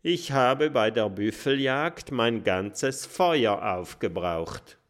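A man voicing a brave, eager little boy dragon in a children's audiobook, often shouting with excitement. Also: medium pitch, takes it slowly. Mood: glum.

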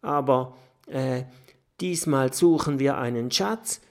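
A man's voice: mid-range voice, slow, a little mellow. A man voicing a small, timid young fire dragon who stammers nervously in a children's story.

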